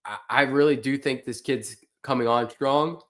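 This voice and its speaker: A man's voice: mid-range voice, steady tone, moderate pace, a bit bright. Opinionated man hosting a sports stream. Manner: loose, opinionated, talks to chat. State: yawning, tired. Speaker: fantasy sports livestream host. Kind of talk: casual livestream analysis.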